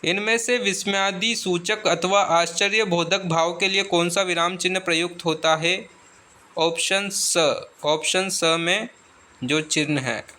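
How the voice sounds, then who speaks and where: A man's voice: high-pitched, steady tone, pushed and bright. A man working as an exam tutor, reading out grammar questions and their answers. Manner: slow, deliberate reading of options.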